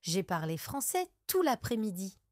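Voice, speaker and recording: A woman's voice: mid-range voice, sing-song, normal speed, a little mellow, no echo, studio quality, close to an everyday voice. A woman reading a shy, eager young Scottish woman. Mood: excited.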